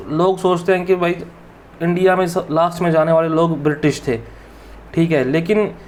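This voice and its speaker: Male tutor, slightly high voice, informal chatty lecture style. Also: darkish tone. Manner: chatty, addresses students as "bhai". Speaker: exam prep teacher.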